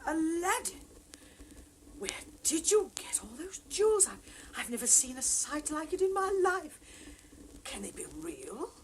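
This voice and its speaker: A woman's voice: high voice, very animated, measured pace, pauses often, a little hiss or hum, poor audio. An actress playing a fretful, scolding but doting mother, exclaiming dramatically in an audio storybook. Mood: fussing, astonished.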